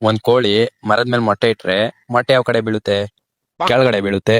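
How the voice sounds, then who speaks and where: Lowish guy asking trick riddles, dry close sound. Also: fairly even intonation, fast, no echo. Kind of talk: riddle comedy bit.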